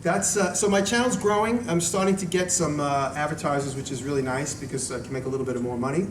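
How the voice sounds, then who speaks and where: A fast-talking man with a fairly high voice addresses a live audience as a video maker, giving a talk and fielding questions. His delivery is informal, rambling and self-interrupting, recorded from afar in a noisy, echoey room.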